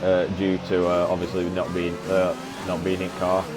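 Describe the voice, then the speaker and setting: A man's voice: sits low, moderate pace, over loud music, poor audio. A man chatting casually as a gaming streamer during a racing game, rambling with many filler sounds. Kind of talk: casual chat while playing a racing game. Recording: steady background noise.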